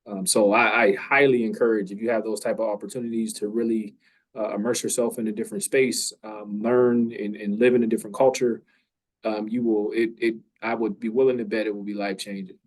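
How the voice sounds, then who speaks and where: A man's voice: fairly low pitch, little pitch movement, brisk, rough recording. A man hosting a campus talk, telling a story in a casual way, full of ums and restarts. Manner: hesitant, many ums and restarts.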